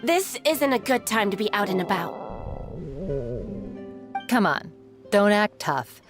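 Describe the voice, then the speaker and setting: Unhurried, dutiful patrol officer. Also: female voice, medium pitch, expressive, music in the background. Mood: awkward, coaxing. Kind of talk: game voice acting.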